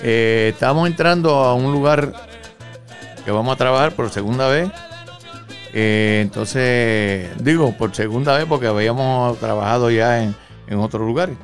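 A man's voice: medium pitch, moderate pace, soft background music. Older man telling a story with hesitation. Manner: relaxed, hesitant storyteller with many fillers. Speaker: guest singer. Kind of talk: telling anecdotes.

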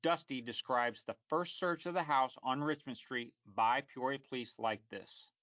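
A man delivers scripted true crime narration as the host, in a measured and formal reporting manner. His middle-pitched voice sits very dry and close. The recording is slightly dull on top. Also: a bit bright, dry recording.

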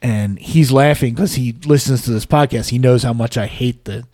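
A man's voice: mid-range voice, moderate pace, mellow, no echo. Podcast guy rambling through a funny story, dry close sound, mid voice. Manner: rambling anecdotes with self-mocking humor. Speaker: podcast co-host. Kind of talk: casual chat, storytelling. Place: podcast studio. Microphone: podcast mic.

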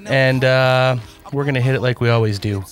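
A man's voice: mid-range voice, fairly even intonation, moderate pace, soft background music. A man hosting a casual talk show, reading sponsor plugs and bantering playfully. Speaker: podcast host.

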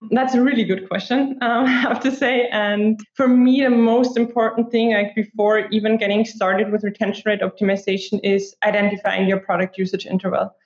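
This podcast guest, an app marketer in her twenties, talks at normal speed with few pauses and a flat delivery in a mid-range voice. She has an Austrian accent, grew up speaking German, and peppers her casual answers with "like." Her audio was recorded remotely and sounds muffled and roomy.

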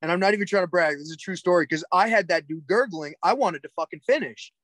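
A man with a Cape Breton accent and a slightly high voice talks in a loose, casual way. He is blunt and swears easily. The sound is very dry, with no room echo. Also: fast talker, fairly bright tone. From Cape Breton Island, Nova Scotia, Canada. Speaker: podcast guest, jiu-jitsu coach. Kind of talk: casual chat.

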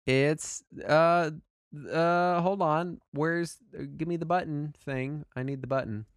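A man's voice: fairly high pitch, slow pace, no room sound, clean studio sound. A man narrating a tabletop game as game master, often laughing and joking with a player. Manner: laughing, playful, lively.

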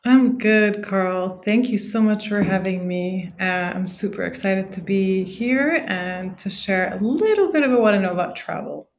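A woman from Morocco, a podcast guest, telling her story in a friendly, relaxed way with fillers. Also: medium pitch, a little slow, hardly any pauses. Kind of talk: casual interview chat.

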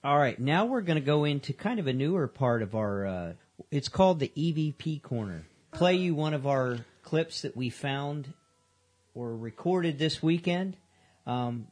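A man speaks as co-host of a radio show about the paranormal. His pitch is average and his delivery is casual and conversational. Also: expressive, normal speed, a little mellow.

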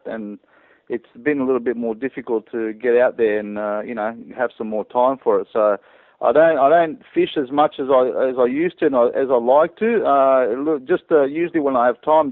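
A man's voice: mid-range voice, dry recording. A man from Croatia, a guest on a hunting podcast, telling stories in a rambling, hesitant way. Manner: rambling, hesitant, chuckling storyteller. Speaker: guest hunter. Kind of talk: casual interview storytelling. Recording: tinny phone-line call.

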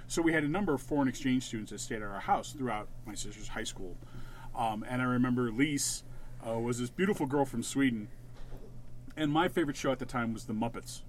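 A man's voice: medium pitch, brisk, a little hiss or hum. A middle-aged man co-hosting a podcast, telling a story in a rambling, self-correcting way. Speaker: podcast co-host. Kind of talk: casual chat.

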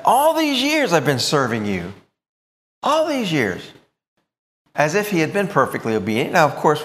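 Man, preacher, sermon, animated intonation, emphatic. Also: medium pitch, big-room sound. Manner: expressive, emphatic, with thoughtful asides.

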